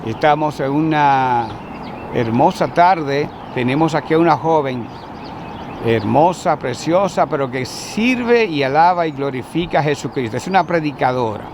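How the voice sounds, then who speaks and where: A man with a fairly high voice hosts a church interview. He opens with blessings and guides his guest with pastoral, leading questions. Urban traffic noise is loud behind him outdoors. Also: animated, measured pace. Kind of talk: religious interview. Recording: noisy outdoor recording with traffic.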